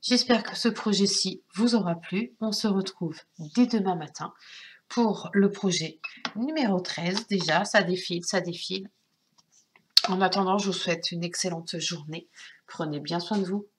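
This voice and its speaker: A woman with a French accent hosting a craft tutorial, calmly narrating each step, her voice nasal from a cold. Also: on the low side, slight background noise. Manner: slow, calm, narrates each step with little sound words. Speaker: craft channel host.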